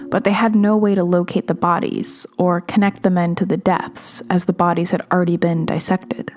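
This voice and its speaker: A woman podcast host narrating a true-crime story in a measured, steady way. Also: lowish voice.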